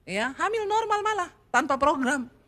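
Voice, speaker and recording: High-voiced woman pastor preaching emphatically. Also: expressive, moderate pace, a bit bright. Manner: emphatic preaching, often calls listeners "saudara"; tells stories from counseling in a conversational tone. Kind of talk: sermon.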